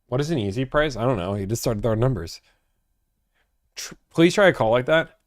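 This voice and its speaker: A man speaks as a casual host, in a dry, close recording. His delivery is low-key, as on an everyday phone call, yet his pitch moves widely when he explains things. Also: expressive, fairly quick, no room sound. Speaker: host, car buying negotiator. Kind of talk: casual phone call and talk to an online audience.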